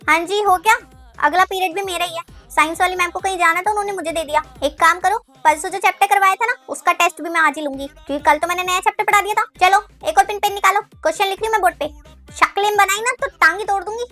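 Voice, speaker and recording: A woman's voice: very high-pitched, quick pace, sharp tone, soft background music. A woman playing a strict female teacher obsessed with tests, bossy and scolding, mixing in broken English.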